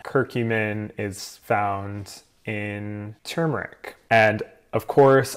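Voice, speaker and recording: Chatty male skincare vlogger. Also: fairly low pitch. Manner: relaxed and chatty, many fillers; talks while eating. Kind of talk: casual explainer vlog.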